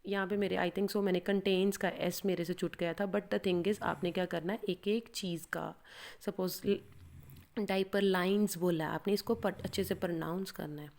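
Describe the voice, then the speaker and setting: Woman, friendly exam coach, casual explainer who slows right down to model each sample sentence. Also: medium pitch, steady tone, creaky, darkish tone. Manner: reads sample sentences aloud very slowly and deliberately; friendly, addresses learners as beta. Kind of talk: casual Hinglish teaching.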